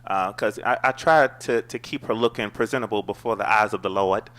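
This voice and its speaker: A middle-aged man chatting as a talk show guest, telling stories in a playful, animated way. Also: lowish voice, a little fast. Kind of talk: casual chat.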